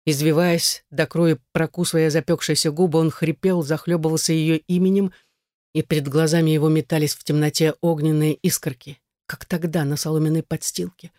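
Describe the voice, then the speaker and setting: A narrator reading a dark fantasy audiobook in a measured, dramatic way. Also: medium pitch, level tone, dry recording, clean studio sound.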